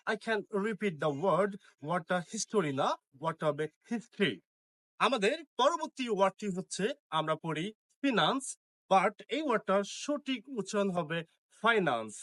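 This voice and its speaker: A man with a Bengali accent teaching English pronunciation, slowly repeating each word with care. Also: sits high, sharp tone, no echo.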